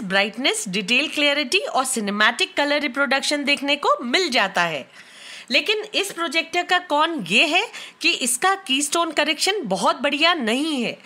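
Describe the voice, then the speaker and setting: A woman with an Indian accent talks through a product review in a high, bright voice. She explains in a clear, matter-of-fact way. Her tone stays even and steady as she narrates. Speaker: tech reviewer. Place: bedroom at home.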